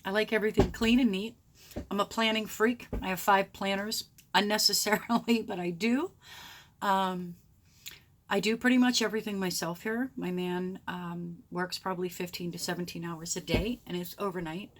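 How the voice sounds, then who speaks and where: A woman's voice: mid-range voice, steady tone, normal speed. Groggy middle-aged woman chatting casually. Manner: frank, chatty, rambling self-description. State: sore throat, groggy voice. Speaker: homesteading blogger introducing themself. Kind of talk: casual, unscripted talk to followers.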